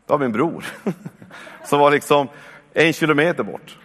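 A man's voice: a little high, animated, fairly bright tone. A man in his forties preaching a sermon, exhorting his listeners with repeated calls to come on. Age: 40s. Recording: long reverb of a church hall.

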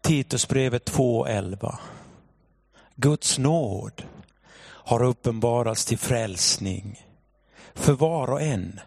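A man in his thirties preaching a sermon in church, telling a personal story with animated delivery. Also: medium pitch, creaky, long pauses, husky, dry recording, clean studio sound. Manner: animated storytelling, shouting when acting out the scene. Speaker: pastor.

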